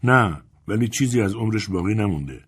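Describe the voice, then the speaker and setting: Grieving, husky elderly woman, read by a male narrator; earnest and pleading, storybook. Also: on the low side, animated. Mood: weary.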